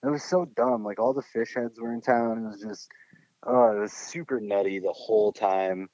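A man's voice: on the low side, fairly even intonation, normal speed, dark tone, no room sound. A young man hosting a podcast in casual chat, laid-back and slangy, laughing often. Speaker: podcast host. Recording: muffled dull sound.

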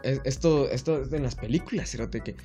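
A young man with a Guatemalan accent co-hosting a podcast, telling animated, profane stories. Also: medium pitch, brisk, soft background music. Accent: Guatemalan Spanish. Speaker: podcast co-host. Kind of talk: casual chat.

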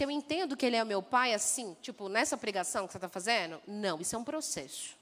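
A woman preaching a sermon who talks straight to the congregation and mimics people in a lively way. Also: fairly high pitch. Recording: long echo of a church hall.

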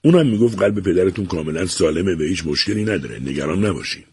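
A man voicing a practical young son who calmly reassures his family. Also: low voice, breathy edge, dry recording, studio quality, exaggerated voice. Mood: reassuring. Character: helpful young adult son.

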